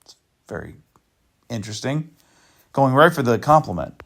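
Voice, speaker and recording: A man hosting a video to expose a scammer talks through chat screenshots in a very animated, mid-range voice with vocal fry and a fairly bright tone, at normal speed. He's casual and meandering, using fillers and restarts, with dry sarcasm along the way.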